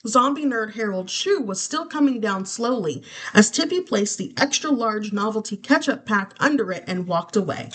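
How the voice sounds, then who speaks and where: A woman reading a children's book aloud in a playful, animated way. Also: mid-range voice, moderate pace. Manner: lively, playful, wide-ranging delivery. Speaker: storyteller.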